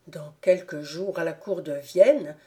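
A woman's voice: deep voice, unhurried, warm tone. A woman voicing an anguished young nobleman. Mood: agitated. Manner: agitated, pleading. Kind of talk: audiobook character reading.

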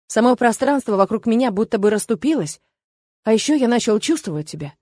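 Woman doing a gruff, protective father. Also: on the high side, lively intonation, a little fast, darkish tone, dry recording, studio quality. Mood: earnest. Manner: grumbling, scornful, fiercely protective. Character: gruff protective middle-aged father, mocking and stern. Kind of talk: audiobook character voice.

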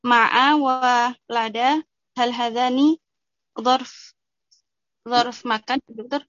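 A woman student asking her grammar teacher questions, hesitant and pausing often. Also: fairly high pitch, steady tone, a bit bright, no room sound, highs cut off. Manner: hesitant, with many fillers.

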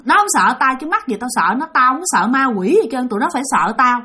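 A woman's voice: sits high, big pitch swings, fast, sharp tone, heavily acted. A woman voicing a cocky young man who scoffs at talk of ghosts, brash and dismissive. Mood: boastful.

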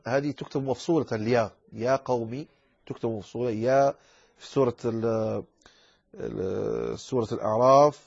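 A man's voice: medium pitch, vocal fry, darkish tone. A man teaching Quran recitation rules in a lecture, explaining patiently and addressing his listeners as brothers. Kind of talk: classroom lecture explaining a verse text. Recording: dull lo-fi lecture recording.

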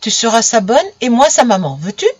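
Woman doing a high little girl's voice. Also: very animated, fairly quick, breathy edge, no room sound. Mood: coaxing. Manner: scolding then coaxing. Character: little girl, stern but tender with her pets.

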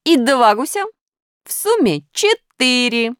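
Quick-tempered helpful storybook hero, read by a woman, brisk, exclamatory, high and lively. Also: clear, resonant tone, no echo, clean studio sound, exaggerated voice. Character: hot-tempered, helpful male Plus sign character.

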